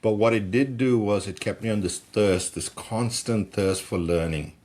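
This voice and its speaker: A middle-aged man from Malaysia speaks in a fairly low voice as a podcast guest. He tells stories with animation and keeps restarting words as he gets excited. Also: moderate pace. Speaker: guest, personal development coach. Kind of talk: conversational storytelling.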